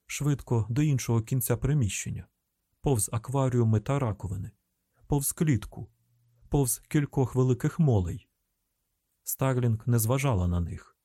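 A man with a Ukrainian accent narrating an audiobook in a tense, measured storytelling manner. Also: medium pitch, dark tone, no room sound, studio quality. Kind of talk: scripted narration.

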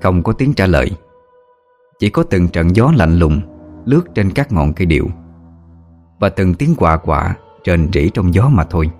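A man narrating a scripted horror story with dramatic, expressive storytelling. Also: low voice, unhurried, pauses often. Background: faint music.

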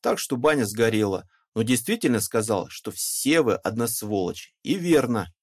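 A man voicing a loud, indignant peasant who rants and shouts about being wronged, in an audiobook. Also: mid-range voice, sing-song, moderate pace, husky. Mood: indignant ranting. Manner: shouting, ranting, bitter. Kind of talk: audiobook character reading.

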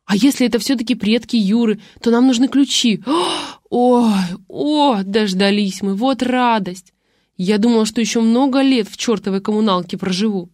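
A woman reading an audiobook voices a greedy young wife who squeals with excitement. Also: a little high, normal speed, no echo, clean studio sound, voice pushed up, lightly acted. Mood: gleeful. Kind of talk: audiobook character voice.

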